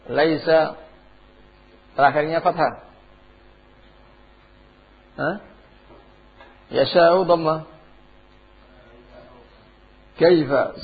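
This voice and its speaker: A man's voice: on the high side, breathy edge. A man teaching Quranic recitation rules, asking his class questions and chanting the examples in between. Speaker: tajwid teacher. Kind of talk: classroom lesson with questions to students. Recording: dull lo-fi classroom tape.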